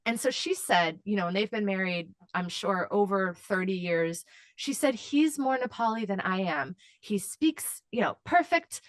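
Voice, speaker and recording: Woman interview guest, mid pitch, impassioned and earnest, dry close recording. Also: lively intonation, a little slow, no room sound. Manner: impassioned, with frequent fillers and restarts. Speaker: advocacy guest.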